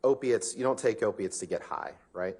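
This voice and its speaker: A man's voice: lowish voice, normal speed, mellow, slightly rough. A man cross-examining a witness, heard through a courtroom recording, firing pointed leading questions. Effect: courtroom recording played back.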